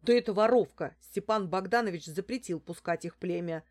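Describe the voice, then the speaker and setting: A woman reading an audiobook, voicing a gruff, suspicious male security guard who talks bluntly and angrily. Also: medium pitch, moderate pace, natural voice.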